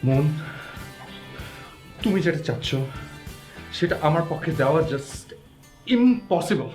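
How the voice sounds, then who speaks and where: An actor playing a fussy, germ-fearing young husband in a TV drama, panicky and pleading. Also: male voice, fairly high pitch, expressive, slow pace, faint music behind. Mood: panicked. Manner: panicky, then softly pleading. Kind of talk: TV drama acting.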